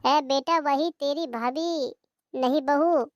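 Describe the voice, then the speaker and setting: Cartoon old mother-in-law, plaintive grumbler, high voice, put on by a voice actor. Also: fairly even intonation, takes it slowly, heavy background noise. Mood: complaining. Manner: plaintive, self-pitying grumbling. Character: nagging older mother-in-law, weary and complaining. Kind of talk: cartoon comedy voice acting.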